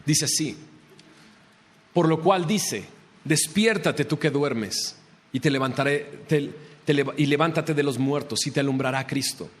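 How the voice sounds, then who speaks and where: Man preaching a sermon, higher voice. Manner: preaching with rhetorical questions and slow emphatic scripture reading. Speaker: pastor. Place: church.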